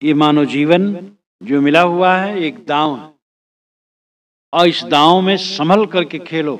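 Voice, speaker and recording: A man's voice: fairly high pitch, takes it slowly. A man giving a religious discourse, reciting verses and explaining them phrase by phrase in an earnest, exhorting way. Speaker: spiritual teacher.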